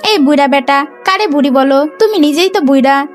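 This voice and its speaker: A woman voicing a sharp-tongued old grandmother who scolds in rustic dialect words. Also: high-pitched, brisk, faint music behind, pitched below the performer's own voice, close to an everyday voice. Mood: scolding.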